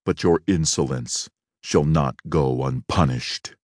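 A man putting on an angry fairy-tale beast, very low and rough, menacing and slow, dry close sound. Grave and forceful, it threatens in a heavy growl. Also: dry recording, full character voice. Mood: furious. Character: furious monstrous male beast, menacing. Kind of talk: storybook reading.

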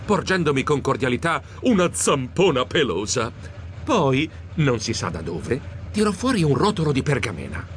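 A man narrating a children's storybook in a lively, comically flustered way. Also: medium pitch, normal speed, background noise. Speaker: audiobook narrator.

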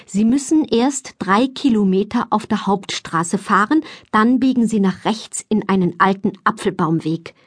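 Lively woman narrator for a kids' audiobook, dry studio read. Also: mid-range voice, a little slow, few pauses, no echo. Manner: lively, expressive storytelling. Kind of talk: scripted children's story narration. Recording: dry close studio sound.

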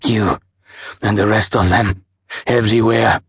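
A man voicing a delirious, feverish male ex-spy who snarls accusations in a hoarse, ragged voice. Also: lowish voice, fairly even intonation, measured pace, no room sound, clean studio sound, pitched above the performer's own voice. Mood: paranoid. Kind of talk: audiobook character voice.

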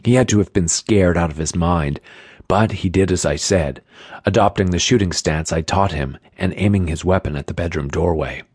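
A man narrating an audiobook in the first person, with a steady, tense telling. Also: low-pitched, normal speed, breathy edge, no room sound, clean studio sound.

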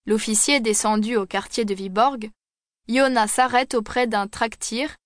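Woman reading a classic story, measured. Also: fairly high pitch, no echo. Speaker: audiobook narrator. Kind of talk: audiobook narration of a classic story. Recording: dry, close studio sound.

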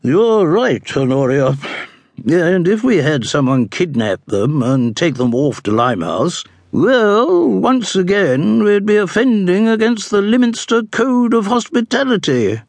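A high, lofty voice of an imperious elderly duchess, as a man puts her on, drawn out and peremptory. She is a storybook matriarch with a husky edge to her tone, grand and cold. The sound is close and dry. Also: lively intonation, darkish tone, dry recording, full character voice. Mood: peevish. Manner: slow, haughty, peremptory. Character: imperious elderly aristocratic dowager duchess mother.

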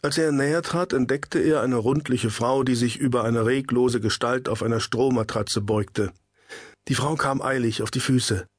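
Husky male audiobook narrator. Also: mid-range voice, no echo, clean studio sound. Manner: measured storytelling. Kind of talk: scripted narration of a historical novel.

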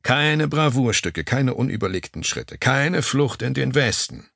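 A male narrator voicing a calm, firm male caller who speaks in a deep, measured tone in an audiobook thriller. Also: gravelly, dry recording, studio quality, full character voice. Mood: commanding.

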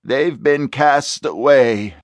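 A cornered demon spirit pleads in slow, labored phrases, pitiful yet still insisting, voiced by a male audiobook narrator. The delivery is unhurried and heavy. It sounds close and dry. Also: medium pitch, big pitch swings, no echo. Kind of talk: audiobook character voice.

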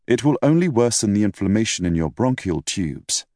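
A man in his thirties voicing an earnest young physician, a caring son with a brisk manner. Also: fairly low pitch, very animated, darkish tone, no room sound, studio quality, voice pushed up. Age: 30s.

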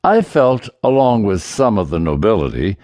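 A man's voice: lowish voice, sing-song, moderate pace, darkish tone, no room sound, studio quality. A man putting on a fawning, snobbish old duke. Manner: fawning, pleading. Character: elderly pompous male duke, fawning and snobbish.

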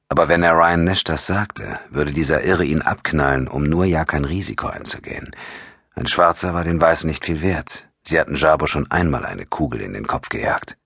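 Deep, husky male audiobook narrator. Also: fairly bright tone, dry recording, studio quality. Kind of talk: scripted narration.

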